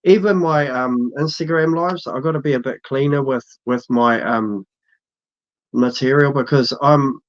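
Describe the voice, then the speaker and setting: A man's voice: medium pitch, a little slow. Laid-back kiwi guy, broad accent, slangy casual chat, kinda dull lo-fi sound. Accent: broad New Zealand. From New Zealand. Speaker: interview guest, social media creator. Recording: dull, muffled lo-fi audio.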